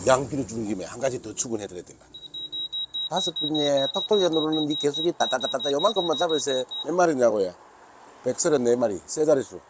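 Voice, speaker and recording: A man's voice: medium pitch, expressive, fast, very noisy. A man in his sixties with a Gyeongsang accent, a rod maker chatting to camera about his product, joking and calling himself by his nickname. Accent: Gyeongsang Korean. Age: 60s. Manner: jokey, calls himself by nickname, bantering with himself. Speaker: fishing rod maker and seller. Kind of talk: casual product talk to camera.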